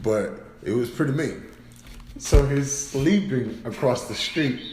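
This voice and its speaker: A man's voice: medium pitch, measured pace, darkish tone. A man telling a story in casual chat among friends, laid-back and slangy, switching into Spanish now and then. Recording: echoey room with clear noise.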